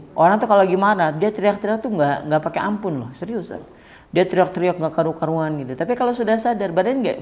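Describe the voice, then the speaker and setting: A man giving a casual Islamic study talk to a live audience, lively and joking, acting out little dialogues and asking the audience questions. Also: high voice. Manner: lively, acts out quoted dialogue, jokes with audience. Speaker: Islamic preacher.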